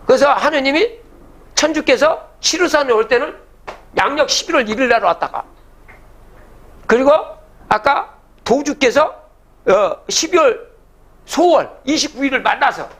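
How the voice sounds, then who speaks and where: A man's voice: extremely high pitch, lively intonation, moderate pace, pauses often, a bit bright. An older man giving a public lecture, reciting old verses and then explaining them, often asking the audience rhetorical questions.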